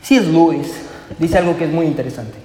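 A man's voice: a little high, fairly quick, warm tone. A man preaching a sermon as pastor, emphatic and repetitive, firing question after question at the congregation and calling them brother. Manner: emphatic, repeats questions, addresses listeners as brother. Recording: echoey hall.

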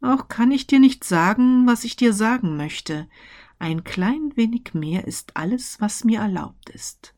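A woman voicing the mournful ghost of a dead businessman, speaking solemn, slow warnings. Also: on the high side, animated, a little mellow, pitched above the performer's own voice.

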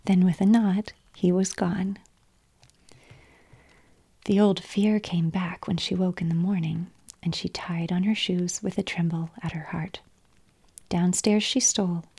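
A woman reading a storybook aloud in a slow, hushed whispered storytelling style. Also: lowish voice, steady tone, vocal fry, husky.

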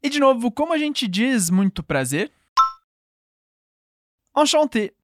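Here a woman's somewhat high, sing-song voice moves at a moderate pace as she teaches a call-and-response lesson, patiently modelling phrases to repeat. Her accent is Brazilian Portuguese, and the clean studio sound carries no echo.

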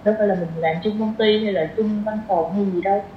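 A woman in her 20s with a southern Vietnamese accent talks fast in a steady, medium-pitched voice. She's a podcast guest in a casual conversational interview, sprinkling in English slang, recorded with roomy, dull sound and faint noise.

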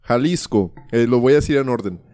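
A man's voice: mid-range voice, brisk, warm tone. A man, co-hosting a casual podcast, explaining things and reading out lists. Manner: explains and asks questions, reads lists. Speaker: podcast co-host.

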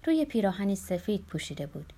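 A woman narrating a novel in a steady storytelling manner. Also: mid-range voice. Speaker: audiobook narrator.

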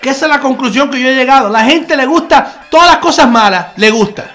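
A man's voice: extremely high pitch, fairly quick, bright, forceful tone, faint music behind. A man giving a conversational online sermon as a Messianic preacher, earnest, repeating key phrases and calling the listener brother.

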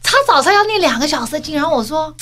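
A woman's voice: high voice, expressive, very fast, sharp tone. A woman co-hosting a podcast, chatting playfully and teasingly, mixing in English words. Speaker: podcast co-host. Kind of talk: casual chat.

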